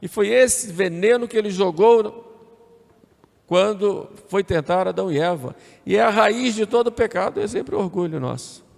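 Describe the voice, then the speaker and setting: Priest man preaching, kinda high gravelly voice, big echoey church, keeps asking right? and repeating himself. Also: lively intonation, moderate pace, a little mellow. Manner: conversational preaching with tag questions and repetition. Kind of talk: sermon. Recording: echoey church with long reverb.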